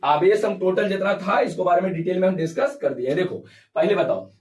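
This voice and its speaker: Guy teaching physics, high voice, echoey room, sounds far from the mic. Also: a little fast. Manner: questioning, repeats terms for students to echo. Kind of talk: classroom lecture with call-and-response. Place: classroom.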